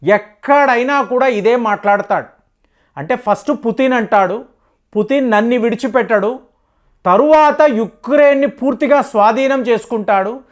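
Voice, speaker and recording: A woman giving casual, animated news commentary who acts out what leaders said. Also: on the high side, moderate pace.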